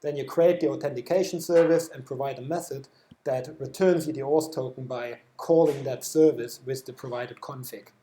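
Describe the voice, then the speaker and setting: A man with a German accent presenting software at a developer meetup, explaining a live demo with many fillers and restarts. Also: medium pitch, steady tone, normal speed, roomy sound, a little hiss or hum. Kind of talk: technical talk with live demo. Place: meetup room.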